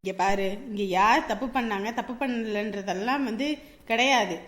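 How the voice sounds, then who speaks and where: An actress playing a sister-in-law who scolds and explains at length in a reproachful tone. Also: female voice, mid-range voice, moderate pace, fairly bright tone, close to an everyday voice. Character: sister-in-law, stern and lecturing.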